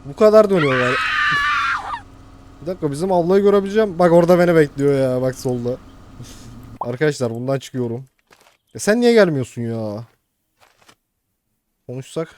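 A young man commentating casually on a video game he plays, excitable and joking with his viewers. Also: on the high side, fairly quick, long pauses. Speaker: gaming youtuber. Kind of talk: casual let's-play commentary.

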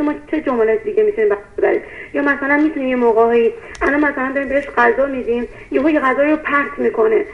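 A woman calling in with a question, hesitant and full of fillers. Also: a little high. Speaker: caller. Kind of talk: phone-in question. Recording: tinny phone line.

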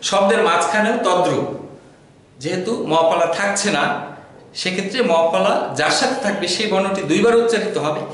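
A man teaching a grammar lesson, patiently explaining and repeating example words slowly to model their pronunciation. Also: high-pitched, a bit bright. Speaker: Bengali language teacher. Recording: very echoey room, voice far from the mic.

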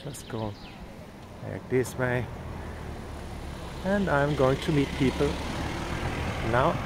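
Filming on his phone as he strolls a town street at evening, a man whose first language is German leads an upbeat walking-tour vlog and points out sights to his viewers. He speaks slowly with a medium, creaky voice and lively intonation, while cars go by in the background.

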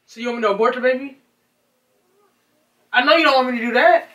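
A woman's voice: high voice, fast, a bit bright, lo-fi sound. A woman staging a prank argument with her partner, pleading and defensive, sometimes teasing. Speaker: vlogger, prankster. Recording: distant mic with faint noise.

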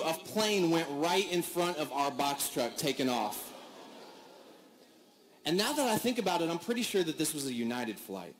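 A man giving a commencement speech, telling a story in an animated, comic way and acting out the people in it. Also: sits high, heavy background noise. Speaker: commencement speaker.

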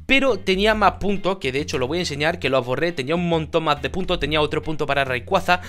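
Excitable high-voiced Spanish gamer. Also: male voice, quick pace. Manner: excitable, shouts in bursts of joy, chatty with viewers. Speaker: gaming YouTuber. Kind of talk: casual Minecraft let's play commentary.

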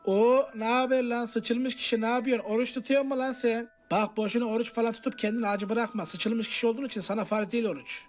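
A man's voice: very high voice, steady tone, fast, few pauses, a little hiss or hum. A man voicing a sneering schoolboy bully who taunts crudely in a comic parody film dub. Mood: taunting.

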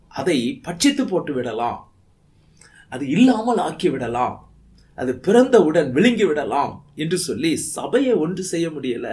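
A man's voice: on the high side, a little mellow. A man preaching a Bible study sermon in Tamil, reading verses aloud and stressing points with rising emphasis. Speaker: pastor.

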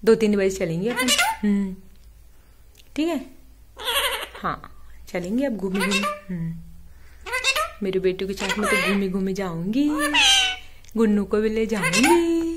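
A woman's voice: medium pitch, lively intonation, measured pace, long pauses, heavy background noise. A woman talking casual baby talk to her pet parrot, coaxing and sing-song, laughing often, filmed on a phone at home. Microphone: phone camera.

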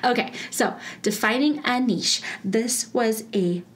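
A woman's voice: fairly high pitch, slow pace. A woman hosting her own podcast in a bubbly, chatty way, laughing often as she talks to listeners. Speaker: podcast host. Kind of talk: casual solo podcast.

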